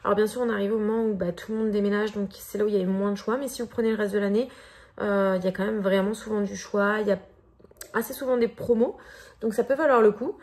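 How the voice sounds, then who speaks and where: Chatty French woman with a gravelly edge. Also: mid-range voice, steady tone, fast talker, a little mellow. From France. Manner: chatty, hesitant with frequent fillers. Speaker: vlogger. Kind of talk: casual vlog chat.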